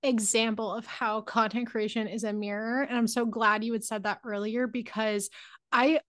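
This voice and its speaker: A woman's voice: a little high, steady tone, moderate pace, fairly bright tone, no room sound, studio quality. A woman hosting a podcast, asking rambling, enthusiastic questions and going off on tangents in casual conversation. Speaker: podcast host.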